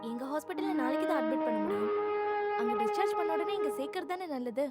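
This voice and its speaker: An actress playing a caring young nurse who talks briskly and reassures people. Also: female voice, high-pitched, expressive, over loud music.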